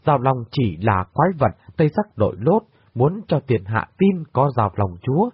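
A male audiobook narrator reading a dramatic tale in an expressive voice. His voice is husky, and his pitch moves over a wide range. The recording is dry and tinny, like a phone line. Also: normal speed, no echo.

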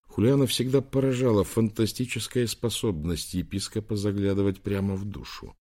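A man reading an audiobook, narrating in a measured, even way. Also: on the low side. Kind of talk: scripted narration.

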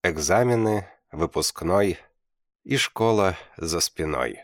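A man narrating a first-person audiobook in a measured, deliberate reading, with blunt slang. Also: low-pitched, lively intonation, no room sound, studio quality.

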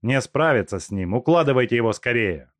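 A stern asylum director, voiced by a male reader, speaking firmly and curtly in a storybook reading. His delivery stays animated, with a dry, close sound. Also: medium pitch, brisk, no room sound, pitched above the performer's own voice, lightly acted. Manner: firm, curt, authoritative. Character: stern asylum director, middle-aged doctor.

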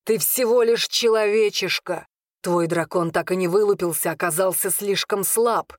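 An arrogant, jealous young dragon lord, voiced by a woman who snaps and shouts scornfully, a bit higher and louder than the reader's plain narration. The audiobook voice is close and dry. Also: normal speed, no room sound, close to an everyday voice.

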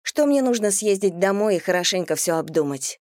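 A woman's voice: medium pitch, brisk, dry recording, clean studio sound, natural voice. A woman doing a giddy young bride-to-be. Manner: bubbly, playful, excited.

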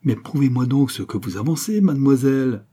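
A man's voice: mid-range voice, steady tone, moderate pace, warm tone, husky, natural voice. A man reading an audiobook, voicing an older aristocratic father, a Spanish duke, who is stern yet fatherly.

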